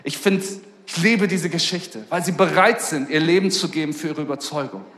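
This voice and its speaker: A man's voice: on the high side, normal speed, a bit bright, a little hiss or hum. A man preaching a sermon in a casual, slangy storytelling way, fervent about his message. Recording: echoey hall with long reverb.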